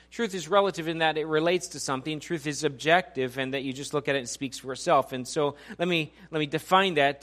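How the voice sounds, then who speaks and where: The sermon comes from a pastor in his forties whose voice runs on the high side and sounds a bit bright. Speaking in a church auditorium, he jokes around conversationally and poses questions to the congregation.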